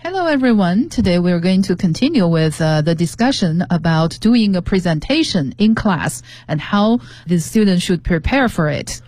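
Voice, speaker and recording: A woman's voice: lowish voice, expressive, normal speed, few pauses, darkish tone, no echo. A woman guest teacher on a radio show, explaining English words and pronunciation with example sentences. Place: radio studio. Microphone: studio microphone.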